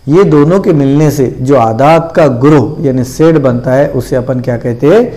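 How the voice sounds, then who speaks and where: A man giving a maths lesson, his voice mellow and dark in tone. He works through each idea step by step, asking questions aloud and answering them himself. He often slows down to repeat key terms and digits. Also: medium pitch. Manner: repeats terms and numbers slowly. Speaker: maths teacher. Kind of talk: classroom-style video lesson.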